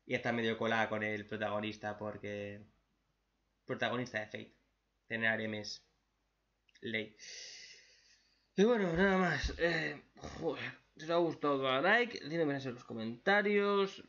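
A man giving a profane, mocking casual recap of an anime episode, mimicking characters in shrill voices. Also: measured pace, pauses often, a bit bright, muffled recording. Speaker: anime reaction youtuber.

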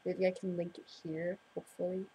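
A woman's voice: on the low side, level tone, brisk, dark tone, slight background noise, low-quality recording. A teenage girl hosting a casual vlog, bubbly and giggly, rambling between topics. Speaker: vlog host. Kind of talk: casual chat.

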